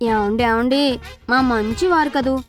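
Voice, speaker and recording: A woman's voice: a little high, measured pace, faint music behind, natural voice. An actress playing a young wife who sweetly pleads with her husband for money to go shopping. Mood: coaxing.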